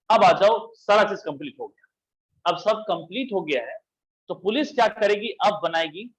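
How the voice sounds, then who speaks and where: A man's voice: high-pitched, breathy edge, rough recording. A man teaching law to a class, explaining step by step and asking and answering his own questions. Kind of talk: classroom lecture.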